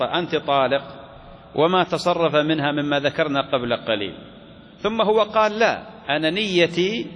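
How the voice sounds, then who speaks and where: A man explaining a classical religious text step by step, asking questions and answering them himself. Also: a little high. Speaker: sheikh teaching a fiqh text. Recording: dull recording in a reverberant hall with faint noise.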